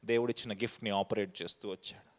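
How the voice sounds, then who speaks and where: A man's voice: on the low side, fairly even intonation, fast talker. A male pastor giving a sermon, firing rhetorical questions at the congregation and dropping English phrases into his preaching.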